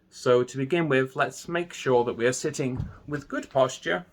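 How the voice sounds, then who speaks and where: A man teaching a guided meditation. He is upbeat at first, then soft and slow as he guides the breath. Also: medium pitch.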